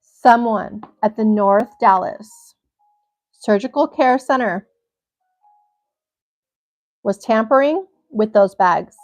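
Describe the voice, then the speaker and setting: Brief: young woman, slightly high voice, livestream host, reads a crime article steadily and breaks off with blunt asides. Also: slow, pauses often, darkish tone. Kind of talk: reading aloud with personal asides.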